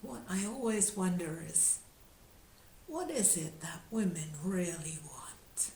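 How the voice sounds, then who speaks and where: A woman's voice: lowish voice, expressive, takes it slowly, mellow, reverberant, a little hiss or hum. A woman voicing a legendary old king in a storytelling talk, chummy and fatherly. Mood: musing.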